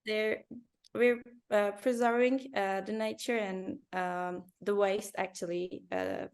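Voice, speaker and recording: A woman from Turkey, a company founder and designer, answering interview questions in careful English with many pauses and fillers. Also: mid-range voice, lively intonation, darkish tone, clear, resonant tone. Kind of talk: business interview.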